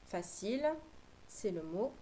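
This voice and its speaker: Woman teacher, mellow, unhurried; patient phonics drill for small kids, faint hiss behind. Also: medium pitch, lively intonation, low-quality recording. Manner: slow, clear, patient dictation. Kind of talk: phonics lesson for young children.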